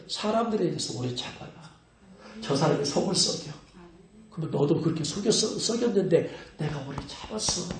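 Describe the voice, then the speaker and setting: A man preaching in a high, lively voice that swings up and down as he scolds and teases his listeners. The sound rings through a very echoey church hall. He talks straight at the congregation, like a pastor who knows them well. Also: gravelly. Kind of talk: sermon. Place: church sanctuary.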